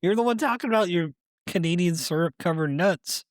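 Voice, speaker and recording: A man co-hosting a podcast in casual banter, teasing his partner, laughing easily and jumping into high mock outrage. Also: fairly quick, no echo, clean studio sound. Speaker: podcast co-host.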